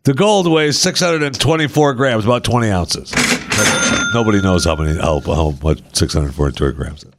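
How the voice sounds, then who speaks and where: A man's voice: lowish voice, normal speed, creaky, very noisy. A man co-hosting a casual chat show, reading odd news stories aloud, laughing often and putting on mocking voices.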